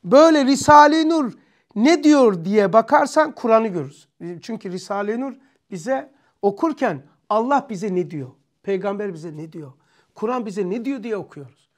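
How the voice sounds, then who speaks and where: A man's voice: sits high, lively intonation, moderate pace. Man musing through a religious lesson. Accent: Turkish. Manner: musing, asks himself questions aloud. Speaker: religious study teacher.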